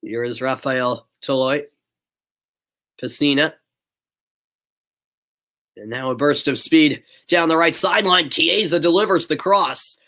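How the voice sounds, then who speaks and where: This young man from the northeastern US calls live amateur sports play-by-play and chats casually with viewers, his nose audibly stuffy. His fairly high voice stays steady and bright with a forceful edge, moving a little slowly and pausing often.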